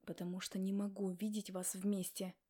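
A woman's voice: little pitch movement, moderate pace, warm tone, lightly acted. A woman voicing a curt, brooding young man who growls his words in an audiobook. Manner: terse, low growled delivery.

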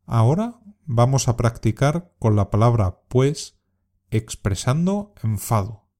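A man teaches a scripted language lesson, talking slowly and carefully. His voice is mellow and relaxed. He sets out each example so that learners can copy his intonation. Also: medium pitch. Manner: slow, careful, modelling intonation for repetition. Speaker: Spanish teacher.

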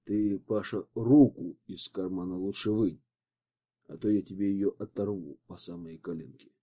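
A man voicing a calm, confident detective who speaks with dry irony. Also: fairly low pitch, normal speed, vocal fry, pitched below the performer's own voice. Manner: calm, dryly ironic.

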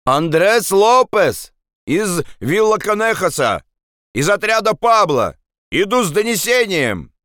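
A man voicing a desperate young male partisan messenger who shouts and pleads to be let through. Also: fairly high pitch, sing-song, measured pace, few pauses, no echo, studio quality, voice pushed up, heavily acted. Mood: desperate shouting.

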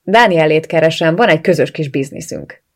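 A man's voice: on the high side, natural voice. A reader voicing a hesitant male friend. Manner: hesitant, evasive.

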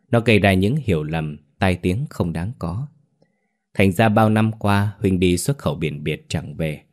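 A man reads a scripted ghost story in a slow, somber delivery. His voice sits low and heavy.

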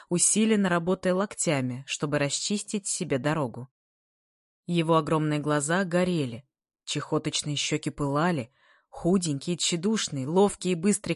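A woman reading a story aloud in a lively, expressive narration. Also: deep voice, no echo, studio quality. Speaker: audiobook narrator. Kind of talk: scripted narration.

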